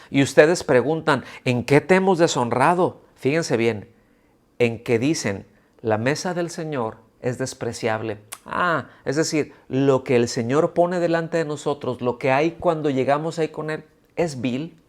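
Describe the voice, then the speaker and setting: A man's voice: on the high side, a little slow. A man preaching a sermon to his congregation at a church service. He often puts rhetorical questions to his listeners and acts out the grumbling voices of complainers. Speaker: pastor. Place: church service streamed on video call.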